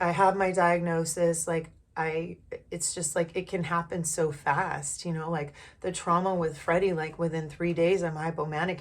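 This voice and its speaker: A woman speaks candidly in a casual personal vlog, her voice sitting a little low for a woman. She rambles, fills gaps with "um" and "like", and restarts her sentences often. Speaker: vlogger.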